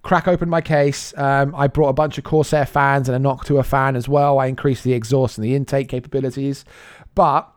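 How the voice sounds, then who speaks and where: A man co-hosting a casual gaming podcast, animated and quick to laugh, acting out quoted lines. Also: medium pitch, smooth, no echo, studio quality. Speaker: podcast co-host. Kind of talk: casual chat.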